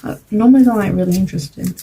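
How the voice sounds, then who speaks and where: A woman's voice: medium pitch, very fast, noisy background. A young woman chatting casually while crafting for a vlog, rambling with lots of fillers. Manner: rambling, self-interrupting, uses "like" and "um" a lot. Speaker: craft vlogger.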